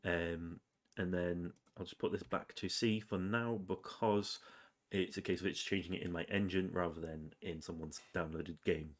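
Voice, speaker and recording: A game developer with a cold, sniffling, narrates his game's progress over gameplay in a low voice at moderate pace. He's relaxed and rambles, filling his talk with ums and uhs.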